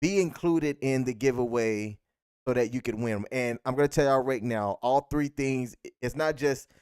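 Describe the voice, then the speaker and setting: Man, American accent, podcast co-host, smooth clear voice, dry close sound, casual live chat. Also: medium pitch, moderate pace, a little mellow, no room sound.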